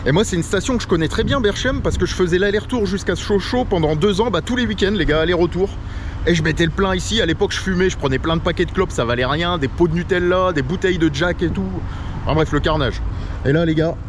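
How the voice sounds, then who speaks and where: A man's voice: high-pitched, fast, a little hiss or hum. A man from France talking casually to his camera while driving on a road trip, playful and chatty, with a stuffy nose. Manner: chatty, playful, keeps calling viewers "les loulous". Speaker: travel vlogger. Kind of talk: casual vlog talk to camera. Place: inside a car on a road trip. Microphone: action camera mounted in the car.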